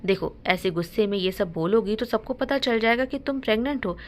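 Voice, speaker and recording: A woman's voice: mid-range voice, lively intonation, fairly quick, close to an everyday voice. A woman voicing a caring young female friend in a story, speaking reassuringly. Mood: concerned.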